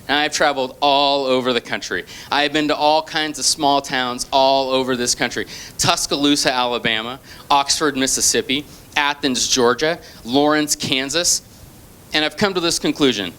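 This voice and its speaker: A middle-aged man working a stand-up set on a club stage, his voice pitched a little above the usual male range. He tells his stories with punchy, deadpan asides. A clear hiss of noise runs under the live recording. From Portland, Oregon. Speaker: stand-up comedian. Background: audience laughter.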